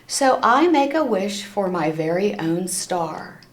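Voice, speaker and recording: In an echoey room, a storybook reader brings a children's tale to life, her medium-pitched voice very animated though her pace stays slow. She keeps the storytelling simple and tosses in small asides to the audience.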